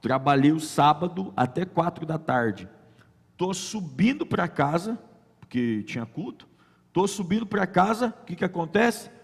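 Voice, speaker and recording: A man's voice: fairly high pitch, unhurried, vocal fry, breathy edge. A man telling a personal faith testimony as a guest, acting out the dialogue in his story. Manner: lively storyteller who acts out quoted dialogue. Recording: long reverb.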